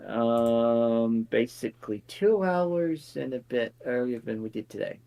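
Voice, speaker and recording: Halting man co-streamer, gravelly with creak, slow. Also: mid-range voice, lively intonation, mellow. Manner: hesitant, halting. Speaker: stream co-player. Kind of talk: casual stream chat.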